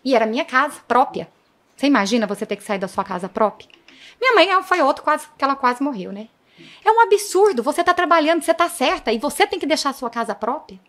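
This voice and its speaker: Animated woman, police chief guest. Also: high-pitched, quick pace. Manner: vivid, dramatic retelling, often addresses the audience. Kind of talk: interview storytelling.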